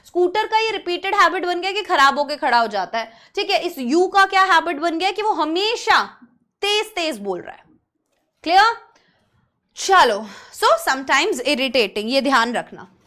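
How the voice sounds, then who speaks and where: A young woman teaching English grammar in an energetic lesson. She explains in Hindi, reads the English example sentences slowly and often checks whether her students have understood. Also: very high voice.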